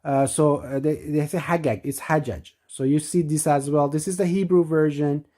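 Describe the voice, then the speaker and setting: A woman's voice: sits low, steady tone, normal speed, mellow. A woman presenting a lesson, walking through words on screen, often repeating herself and restarting mid-sentence. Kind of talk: explaining scripture on screen.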